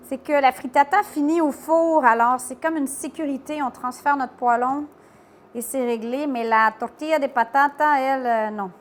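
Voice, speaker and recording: Lady doing a cooking tutorial in her kitchen, slow and chatty, high voice. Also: slight background noise. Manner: chatty and playful, talks to viewers while cooking. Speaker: cooking show host.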